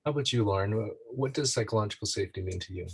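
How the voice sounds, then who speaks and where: A male interviewer with a somewhat low, husky voice. He sums up a guest's point and moves quickly on to the next question, tripping over the start of his sentences. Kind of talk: conversational interview.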